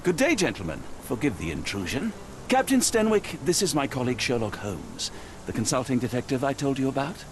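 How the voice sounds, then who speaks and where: An actor playing a courteous, patient doctor, a loyal companion to a detective in a video game, polite and tactful. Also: male voice, medium pitch, very animated, fairly quick, a little hiss or hum, lightly acted. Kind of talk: video game cutscene acting.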